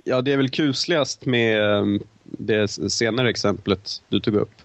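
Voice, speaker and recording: Young guy rambling on about movies in a casual chat, gravelly voice. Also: fairly low pitch, no echo. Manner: talks in long, winding, hesitant turns. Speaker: film podcast co-host. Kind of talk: casual film review chat.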